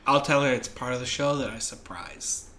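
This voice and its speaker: A man's voice: mid-range voice, moderate pace, fairly bright tone, roomy sound. A man co-hosting a comedy podcast, talking playfully, laughing often and slipping into a showy announcer voice. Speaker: podcast co-host. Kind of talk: casual comedic chat.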